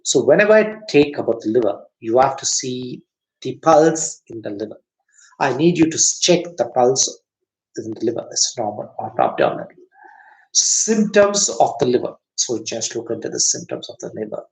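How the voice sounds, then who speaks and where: A man with a gravelly, creaky voice and a Tamil accent teaches acupuncture. He talks at a middle pitch for a man. He keeps repeating and rephrasing his phrases as he explains each step. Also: lively intonation, normal speed, a little mellow, poor audio. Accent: Tamil-accented English. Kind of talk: classroom lecture.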